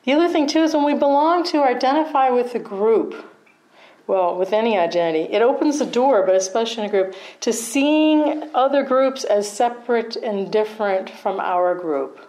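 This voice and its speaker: A woman's voice: on the high side, expressive, moderate pace, darkish tone, rough recording. Middle-aged woman giving a dharma talk. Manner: conversational, checks in with "right?", laughs at herself. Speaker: meditation teacher.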